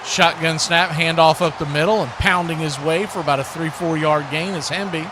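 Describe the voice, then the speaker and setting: With fairly even intonation and a moderate pace, a man with a fairly high pitch calls live American football action in brief, clipped bursts. Big plays make him louder, and the live stream carries plenty of background noise.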